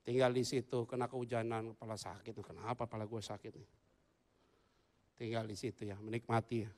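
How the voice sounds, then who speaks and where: A male pastor preaching a humorous sermon in a church, moving between loud excited bursts and quiet asides. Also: on the low side, fairly quick.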